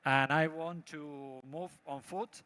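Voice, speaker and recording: Spanish guy doing a startup pitch in broken english, strong accent, kinda higher voice, big reverby hall. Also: steady tone, bright, forceful tone. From Spain. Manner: broken English, halting non-native phrasing. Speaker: startup presenter pitching a product. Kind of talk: live pitch presentation with demo. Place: large event hall. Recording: echoey hall with long reverb.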